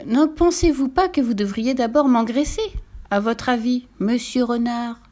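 A woman's voice: moderate pace, dark tone, lightly acted. A woman voicing a small, crafty piglet who squeals, sighs and pleads sweetly. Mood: sweetly sly. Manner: high sighing pleading voice.

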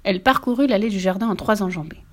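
A woman narrating a children's story aloud in a clear, even reading voice. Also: mid-range voice, fast.

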